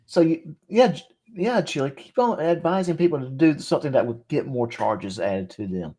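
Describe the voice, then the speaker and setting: A guest on a casual reaction chat, speaking slowly with many fillers. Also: medium pitch, lively intonation, warm tone, husky. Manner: drawn-out, hesitant with fillers. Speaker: guest commentator.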